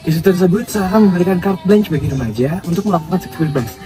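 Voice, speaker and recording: A woman reads scripted narration briskly and steadily. Clear music plays behind her voice. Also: fairly low pitch. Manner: steady reading. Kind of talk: read narration.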